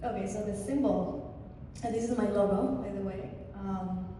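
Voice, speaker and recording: A woman from Chile with a Chilean Spanish accent, a native Spanish speaker, talking casually to an audience as a guest artist, animated, with many restarts. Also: medium pitch, normal speed. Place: church hall. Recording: distant echoey hall with faint noise.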